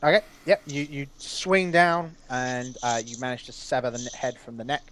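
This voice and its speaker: A man narrating as game master of a tabletop game, pausing often with uh and um. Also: mid-range voice, fairly even intonation, fairly bright tone, a little hiss or hum. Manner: halting, lots of uh and um.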